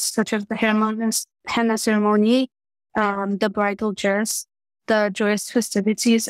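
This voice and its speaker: Teen girl presenting to a class over a webcam; a bit high, monotone, earnest with small restarts. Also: no room sound, low-quality recording. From Morocco. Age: teens. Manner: earnest, slightly hesitant with fillers and restarts. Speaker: student presenter. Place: small room indoors. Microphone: webcam on a video call.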